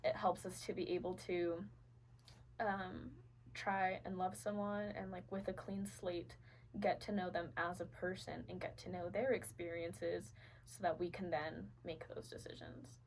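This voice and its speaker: A woman's voice: on the low side, level tone, unhurried, vocal fry, a little mellow, slight background noise, low-quality recording. A young adult woman from Venezuela, a podcast guest, telling her personal story earnestly with many fillers and restarts.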